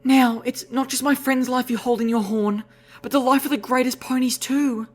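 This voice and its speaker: A man voicing a gentle but resolute young unicorn mare healer in an audiobook reading, soft and earnest, firm when she makes up her mind. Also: very high voice, fairly even intonation, normal speed, voice pushed up. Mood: grave resolve. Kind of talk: audiobook character voice.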